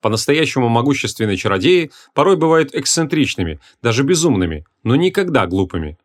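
A male narrator reading a comic fantasy audiobook at a quick clip. His delivery is brisk and wry, with a mid-pitched voice. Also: big pitch swings. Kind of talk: scripted narration.

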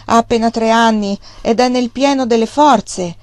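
A woman's voice: a little high, normal speed, a little mellow, no room sound, clean studio sound, pitched above the performer's own voice, natural voice. A woman voicing a stubborn farmer man who refuses to sell his ox. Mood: dismissive.

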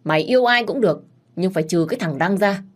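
A woman's voice: medium pitch, lively intonation, fast talker, pitched above the performer's own voice, close to an everyday voice. Woman voicing a furious domineering father. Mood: stern. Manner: shouting, harsh commands. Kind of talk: audiobook story reading.

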